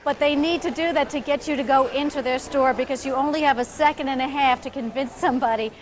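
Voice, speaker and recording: High-voiced woman TV reporter. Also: steady tone, fast, slight background noise. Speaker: television reporter. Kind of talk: conversational live TV report.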